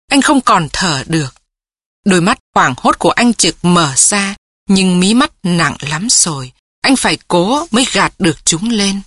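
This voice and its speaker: A woman narrating a literary story slowly in a mournful, measured way. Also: fairly low pitch, fairly bright tone, slightly rough, dry recording, clean studio sound. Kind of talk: slow literary story reading.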